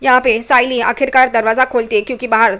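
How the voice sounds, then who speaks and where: A woman with a high voice retelling events in a relaxed, chatty way. She drops opinionated asides as she goes, casual and conversational. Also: fast. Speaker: serial recap narrator. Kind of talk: casual storytelling recap.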